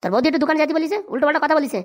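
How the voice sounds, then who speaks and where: A voice actor playing a grumpy, bossy middle-aged village husband in a cartoon comedy, shouting and scolding. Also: high voice, rapid-fire, natural voice. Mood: angry.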